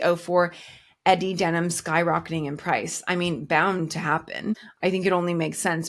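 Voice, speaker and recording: A woman's voice: sits low, vocal fry. A Canadian-born woman hosting a fashion news show, chatting casually as she answers viewer comments, with lots of "like" in her speech. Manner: chatty, heavy use of "like".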